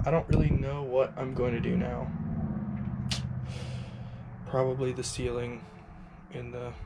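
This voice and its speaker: A man's voice: mid-range voice, darkish tone, slight background noise. A young man in his twenties chatting casually while renovating an old RV, with playful, teasing banter. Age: 20s. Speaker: co-host renovating an RV. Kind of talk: casual vlog chat. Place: inside an old RV.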